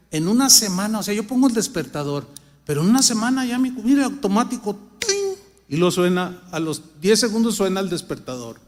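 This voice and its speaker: A middle-aged Mexican man preaching a sermon, telling everyday stories with humor and acting out his own thoughts, then reading scripture more slowly and loudly. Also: high voice, big-room sound. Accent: Mexican Spanish. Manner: reads scripture louder and slower. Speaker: pastor.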